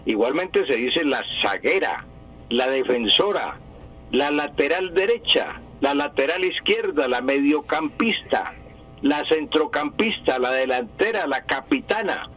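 A man's voice: on the high side, expressive, a little slow, fairly bright tone, poor audio. A man, a language expert on a radio call-in show, patiently correcting word usage and repeating terms for emphasis.

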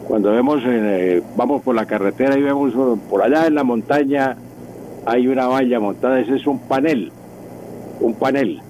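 A man's voice: medium pitch, moderate pace, mellow, low-quality recording. An older man with a Colombian accent teaches correct usage on the radio. He talks in a patient, didactic way and repeats key words to drive the point home. A faint hiss of noise sits behind him. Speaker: language professor on radio. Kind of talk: radio language segment.

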